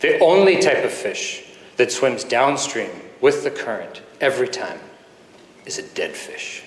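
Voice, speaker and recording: A man voicing a burly, intimidating father who speaks tersely and sternly, in a low heavy voice. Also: big pitch swings, unhurried. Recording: echoey hall.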